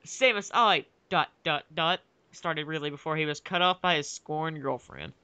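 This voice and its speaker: A man's voice: on the high side, moderate pace, pushed and bright, clean tone, no room sound. A young man giving a mock-dramatic comedic reading of a fan fiction, giggly and hammy. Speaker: fanfic reader and uploader.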